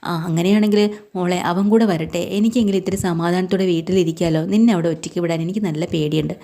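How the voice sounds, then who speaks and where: A woman's voice: on the low side, steady tone, fast talker, mellow. Woman playing a protective older father. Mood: concerned, advising. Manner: advising, concerned.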